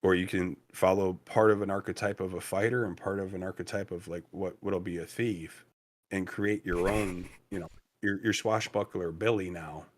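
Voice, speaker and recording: A man's voice: low-pitched, fairly even intonation, normal speed. A man who designs games, talking casually and with emphasis, repeating key words to drive a point home. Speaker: game designer. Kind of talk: casual chat.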